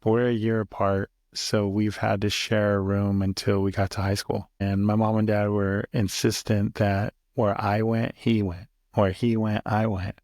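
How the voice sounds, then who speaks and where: A man's voice: on the low side, flat delivery, unhurried, few pauses, a little mellow, no room sound, clean studio sound. A man in his early forties, a podcast guest, telling stories in an easygoing way with many fillers and restarts. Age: 40s. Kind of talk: casual conversation.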